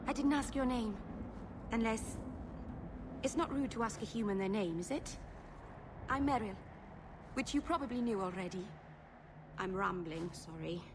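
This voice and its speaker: Woman voicing a high-pitched, nervous young elf mage. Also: expressive, normal speed, pauses often, noisy background, close to an everyday voice. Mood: flustered, apologetic. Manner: rambling, apologetic, hesitant. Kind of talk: video game character dialogue.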